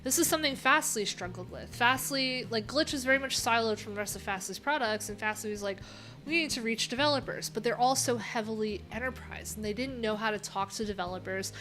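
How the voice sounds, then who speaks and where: Fairly quick and animated, this middle-aged woman's slightly high, fairly bright voice carries a casual livestream chat as she browses. She's a developer and the stream's host, rambling candidly as she thinks out loud, with music behind her in a small, cluttered room.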